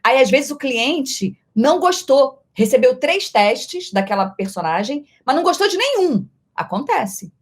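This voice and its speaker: Her husky, high-sitting voice is very animated as this middle-aged Brazilian voice actress takes viewer questions in a playful live-stream chat. She keeps a measured pace with hardly any pauses, though her loudness and speed often shift, and her accent is Brazilian Portuguese.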